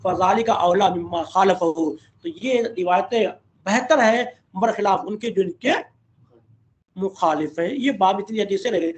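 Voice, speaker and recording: A man with a strikingly high voice leads an online lesson on a classical hadith text. He recites long Arabic narrator chains and then explains them plainly. He keeps pausing to ask his listeners what a point means before he answers it himself. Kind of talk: religious lesson, reading Arabic and explaining in Urdu. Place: online class over a call.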